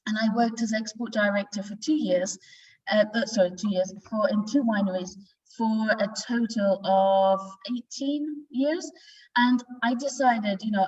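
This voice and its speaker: A woman in her forties from the north of England, speaking with a Northern English accent, has a medium-pitched, slightly mellow voice. A wine exporter appearing as a guest presenter, she tells her story informally during a virtual tasting held over a video call from an indoor office tasting room. She sits away from the mic, so the sound is distant, dull and lo-fi.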